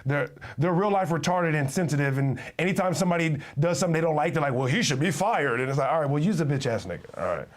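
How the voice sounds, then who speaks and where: Thirties male host, rapid and slangy, restarts a lot, video-call sound. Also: fairly high pitch. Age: 30s. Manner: fast, animated, lots of restarts and slang. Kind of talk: casual online chat.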